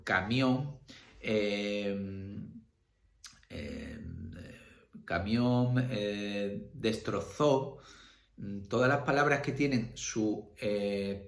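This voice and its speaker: Andalusian man explaining a lesson in an echoey room. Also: mid-range voice. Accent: Andalusian Spanish. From Spain. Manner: explanatory, many fillers and checks for understanding. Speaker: secondary school language teacher. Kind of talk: classroom lecture video.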